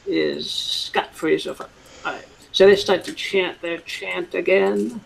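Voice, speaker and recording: Slow, gravelly game master. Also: mid-range voice, fairly even intonation, a little hiss or hum, low-quality recording. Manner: halting, many fillers and restarts. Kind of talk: narrating a tabletop game.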